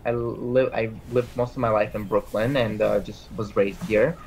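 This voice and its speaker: A man in his twenties, born in Armenia, rambles casually as an interview guest and PA school applicant, leaning heavily on "like" and restarting his sentences. His voice is lowish and darkish with vocal fry, steady in tone and normal in speed. The audio is poor, with a little hiss or hum.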